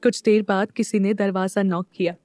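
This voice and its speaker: A woman's voice: mid-range voice, little pitch movement, normal speed, a little mellow, dry recording, studio quality. A woman narrating a scripted audio drama, reading all the parts herself.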